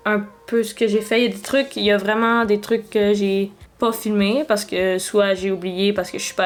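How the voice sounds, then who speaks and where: A young woman with a Québécois French accent, chatting to camera at home in a rambling, self-conscious way with laughs. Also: mid-range voice. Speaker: book vlogger. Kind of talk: casual talk to camera.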